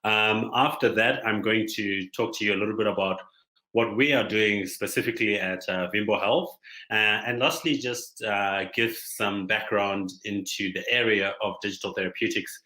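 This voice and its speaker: A man from Zimbabwe presenting at a conference as a startup founder, speaking in a measured, thoughtful way with many pauses and fillers. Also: on the low side, bright, forceful tone, roomy sound, rough recording. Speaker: startup founder giving a talk.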